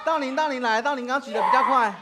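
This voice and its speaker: Woman preacher, somewhat high voice, playful, bossy, laughing, church children's game. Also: quick pace, heavy background noise. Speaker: preacher leading a children's activity. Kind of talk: children's sermon game, giving commands. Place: church sanctuary.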